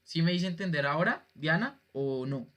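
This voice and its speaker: A man's voice: on the high side, expressive, normal speed, fairly bright tone. A male teacher giving an online class, patient and jokey, quizzing his students as he explains. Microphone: video call.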